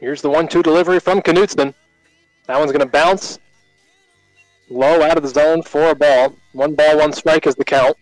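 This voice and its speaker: A man with an American accent calling live baseball play-by-play on the radio in short, measured announcer phrases. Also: a little high, steady tone, dry recording, faint music behind, rough recording.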